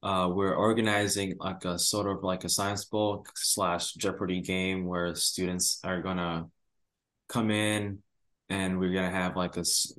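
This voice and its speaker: Low-voiced young man, hesitant. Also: a bit bright. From Rwanda. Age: young adult. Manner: hesitant, many "uh" and "like" fillers. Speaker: guest, university student. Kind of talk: casual interview answers.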